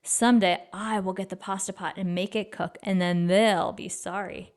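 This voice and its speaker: A woman's voice: mid-range voice, fairly even intonation, normal speed, lightly acted. Lady doing big goofy servant guy from a kids story, eager, naive, kinda boastful. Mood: scheming. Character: big, eager, foolish young male servant.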